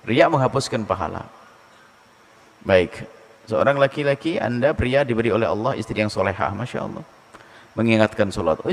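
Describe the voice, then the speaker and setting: A man preaching a sermon in a lively, teasing manner, acting out husbands and wives in his answer. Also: mid-range voice, in a large hall.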